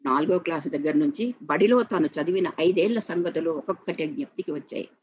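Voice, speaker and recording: A man narrating a story slowly and with feeling, in a muffled lo-fi recording. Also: on the high side, slightly rough, no echo. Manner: slow and measured, with emotional emphasis.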